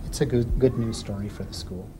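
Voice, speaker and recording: A man's voice: lowish voice, steady tone, a little fast, background noise. A man who runs a school, answering interview questions thoughtfully with hesitant restarts. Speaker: school administrator.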